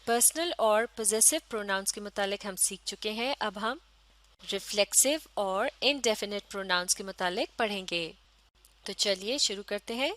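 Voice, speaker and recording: A woman teaching a recorded grammar lesson, reading English definitions slowly and then explaining each one in formal, Urdu-leaning words. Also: medium pitch, fairly bright tone, no room sound, low-quality recording.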